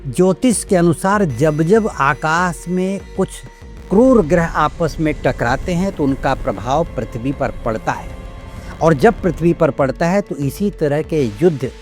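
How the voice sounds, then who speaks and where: A man's voice: on the high side, expressive, a little slow, faint music behind. An older man, an astrologer, explaining in a lecturing way and listing his points one by one. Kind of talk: explanatory astrology talk to camera.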